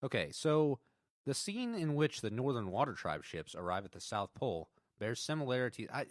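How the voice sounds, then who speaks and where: A man's voice: mid-range voice, very animated, moderate pace, no echo, studio quality. A man co-hosting a podcast, chatting casually about an episode, laughing often and stumbling over restarts as he reads trivia aloud. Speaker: podcast co-host.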